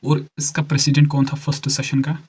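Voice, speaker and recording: Slow, deliberate man quizzing exam students. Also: a little high, monotone, husky, rough recording. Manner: slow and deliberate, repeats key answers for note-taking; quizzes students and urges quick answers. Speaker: exam-prep teacher. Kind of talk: exam-prep lecture mixing Hindi and English.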